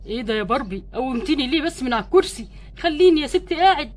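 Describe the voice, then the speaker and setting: A woman's voice: high voice, animated, very fast, music in the background. A woman voicing an ailing, remorseful young husband doll in an Egyptian Arabic accent, talking in a plaintive, pleading way. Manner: plaintive, pleading, tearful when moved. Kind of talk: doll play acting.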